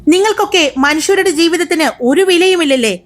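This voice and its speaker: A woman voicing an angry young male hospital doctor who scolds a nurse with sharp questions in a storybook reading. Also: very high voice, expressive, a little fast, pitched above the performer's own voice. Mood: stern.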